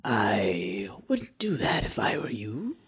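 Man voicing a hushed, sly lizardfolk mercenary. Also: medium pitch, animated, moderate pace, slightly rough, pitched below the performer's own voice. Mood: quiet warning. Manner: hushed, partly whispered, drawling and taunting. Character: sly, menacing tall lizardfolk mercenary, mocking and money-minded.

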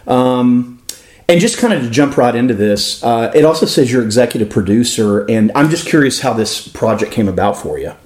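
A man's voice: mid-range voice, lively intonation, normal speed, darkish tone, echoey room. A man from Florida with a Florida drawl, hosting a podcast interview. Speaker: podcast host.

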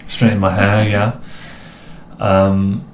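Speaking slowly at a fairly low pitch, the young Midlands man co-hosts a laid-back, rambling conversation full of self-deprecating humour. His accent blends English influences with a somewhat posh edge, and the echoey room carries faint noise.

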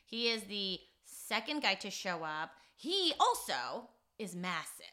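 Bright, teasing woman co-host. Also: mid-range voice, very animated, takes it slowly. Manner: teasing, blunt, gossipy. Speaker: podcast co-host. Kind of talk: casual chat recapping a reality show.

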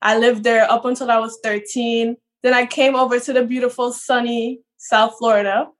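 A woman's voice: on the high side, little pitch movement, moderate pace. A nineteen-year-old woman from Trinidad, eagerly telling her story as a podcast guest over a video call. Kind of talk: casual podcast interview.

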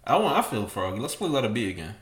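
A man's voice: lowish voice, very animated, fast. A man, co-hosting a podcast with brash, profane, emphatic rants. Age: 30s. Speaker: podcast co-host. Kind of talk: casual opinionated rant.

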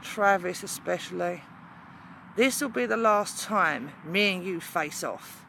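A woman's voice: on the low side, unhurried, creaky, bright, forceful tone, a little hiss or hum, exaggerated voice. A woman playing a menacing female demon wrestling champion, taunting her rival with evil laughs. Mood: gloating menace. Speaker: wrestling promo performer. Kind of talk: wrestling promo.

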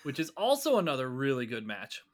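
A man's voice: medium pitch, huge pitch swings, brisk. A man, co-hosting a casual podcast chat and talking animatedly, swearing and bragging about his trivia. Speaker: podcast co-host.

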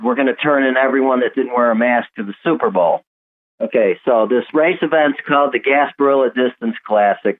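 A male caller to a talk radio show, heard on speakerphone, speaking emphatically and building up steam. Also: medium pitch. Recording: tinny phone line on speakerphone.

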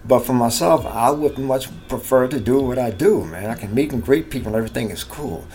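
A man's voice: medium pitch, a little fast, darkish tone. A middle-aged American man giving a natural, unscripted monologue, rambling casually with folksy slang and repeating himself. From United States. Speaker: vlog host. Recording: clearly noisy background ambience.

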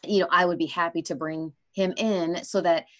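A woman's voice: lowish voice, fairly even intonation, normal speed, fairly bright tone. A woman hosting a podcast, chatting casually with many filler phrases. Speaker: podcast host. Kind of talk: casual conversation.

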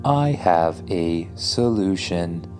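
Man as a stiff, low-voiced talking spaceship. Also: expressive, takes it slowly, darkish tone, faint music behind. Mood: matter-of-fact. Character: eager, matter-of-fact talking magic spaceship in children's story.

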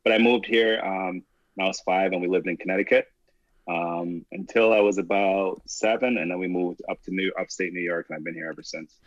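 A man from Jamaica talks easily as a podcast guest and laughs between answers. His voice is very low. The audio is a little dull and dry. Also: steady tone, a little fast, dry recording. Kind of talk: casual podcast interview.

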